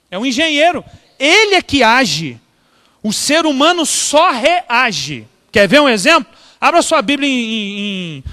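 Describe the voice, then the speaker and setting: A Brazilian pastor preaches in a strikingly high, bright voice. He tells his story animatedly and keeps asking the congregation questions. His voice rings with the long reverb of a church hall. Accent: Brazilian Portuguese. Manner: animated, acts out dialogue, asks the congregation questions. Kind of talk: storytelling sermon.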